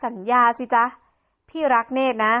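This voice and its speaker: A woman's voice: normal speed, fairly bright tone, lightly acted. A woman voicing a young man, a devoted boyfriend who speaks soothingly. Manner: soothing, reassuring.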